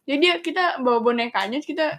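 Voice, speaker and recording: A middle-aged mother in casual chat, telling a story in a measured, reassuring way. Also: high-pitched, expressive, a bit bright.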